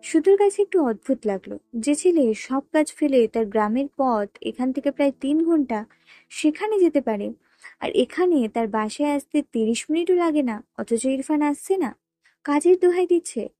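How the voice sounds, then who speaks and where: A woman's voice: high-pitched, lively intonation, normal speed, warm tone, no room sound. A woman narrating a romance novel aloud and voicing the dialogue herself. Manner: reads all characters' dialogue with only slight voice changes. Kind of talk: storytelling reading of a romance novel. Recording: dry close voice with faint background music.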